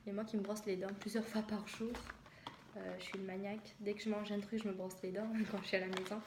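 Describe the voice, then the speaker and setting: Chatty young woman showing off her haul, creaky voice, echoey noisy room. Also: medium pitch, little pitch movement, fast talker. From southwest France. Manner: chatty, hesitant with many fillers. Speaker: vlogger. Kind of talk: casual haul video.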